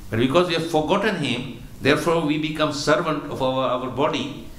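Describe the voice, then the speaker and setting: A man giving a religious lecture as a spiritual teacher, explaining slowly and patiently, often repeating words as he goes. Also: on the high side, fairly bright tone, echoey room, poor audio.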